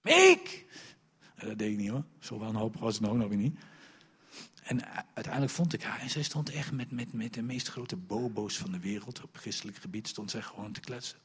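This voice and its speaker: A middle-aged man preaching a sermon, telling stories in an animated, emphatic way. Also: fairly low pitch, brisk, husky. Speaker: pastor.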